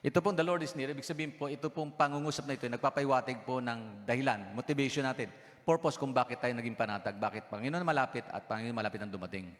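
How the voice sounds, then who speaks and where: A man's voice: mid-range voice, fast talker, a bit bright. A male pastor preaching a sermon, switching into English phrases and asking the congregation questions, with a cough that lingers. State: has a cough. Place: church hall. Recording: long church hall reverb.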